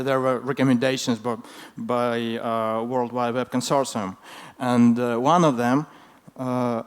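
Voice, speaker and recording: Halting male conference speaker, clear smooth voice. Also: medium pitch. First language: not English. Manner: hesitant, halting delivery with frequent fillers. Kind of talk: informal technical presentation.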